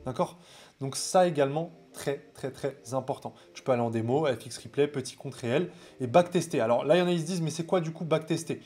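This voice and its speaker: A French man speaks straight to his viewers as a trading coach, his voice sitting a little high for a man. He talks casually and with energy, addressing them like pals and dropping conspiratorial asides. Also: fast, darkish tone. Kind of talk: casual direct-to-camera advice.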